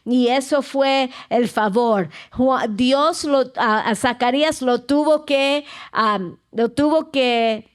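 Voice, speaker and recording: Woman, pastor, sermon, slow, higher voice, halting restarts. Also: clear, resonant tone. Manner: slow, searching delivery with many restarts and frequent "amén".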